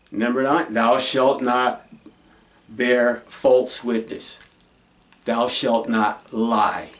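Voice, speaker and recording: A man preaching a folksy sermon in a slow, emphatic way, asking questions and answering them himself. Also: mid-range voice, far from the mic.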